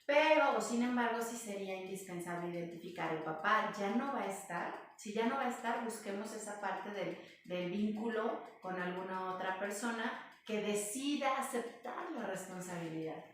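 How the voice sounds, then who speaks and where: A woman's voice: mid-range voice, normal speed, hardly any pauses, slight background noise. A woman guest explaining in an interview, in an explanatory, storytelling manner. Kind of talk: interview talk. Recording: echoey room from far off.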